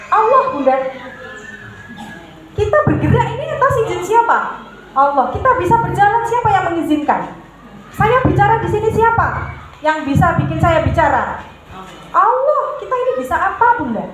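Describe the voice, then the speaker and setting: High-voiced woman in an echoing hall. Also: big pitch swings, moderate pace, pauses often, a bit bright, soft background music. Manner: calls listeners "Bunda", asks and answers own questions; mixes in Javanese words. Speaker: parenting speaker. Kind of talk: religious parenting talk to mothers. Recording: very echoey hall with noise.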